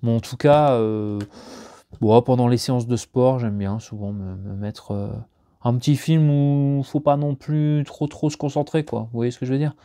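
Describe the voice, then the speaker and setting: A man's voice: normal speed, smooth, no echo, studio quality. Chatty man rambling over an unboxing. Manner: chatty, rambling, many fillers and restarts; lively, jumps up in pitch when excited. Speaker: YouTuber unboxing discs. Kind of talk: casual unboxing chat.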